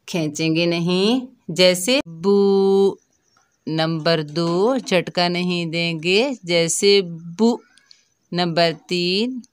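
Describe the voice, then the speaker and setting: A woman teaching children to read Quranic letters, speaking patiently and sounding out each syllable slowly. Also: on the low side. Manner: drawn-out syllable drills, spelling each letter then sounding it; patient, addresses listeners as dear children. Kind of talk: slow, careful recitation lesson for children.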